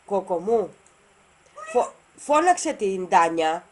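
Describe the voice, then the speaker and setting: A woman's voice: medium pitch, sing-song, a little mellow, a little hiss or hum. A woman talking casually to her pet parrot, coaxing and affectionate, repeating short phrases over and over. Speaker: parrot owner.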